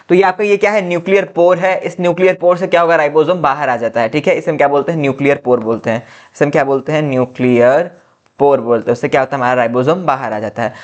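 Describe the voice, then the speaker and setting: Higher-pitched man teaching biology. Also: racing, few pauses. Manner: repeats questions and answers them himself, says "ठीक है" often; addresses students as "बच्चा". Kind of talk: classroom lecture.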